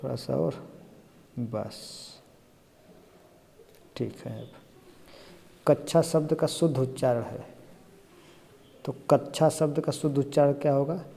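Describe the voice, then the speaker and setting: A man's voice: mid-range voice, measured pace, vocal fry, pauses often, warm tone, in a large hall. A man teaching Hindi grammar for an exam, explaining each answer step by step and often asking "है ना?" to check along. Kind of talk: exam-prep lesson.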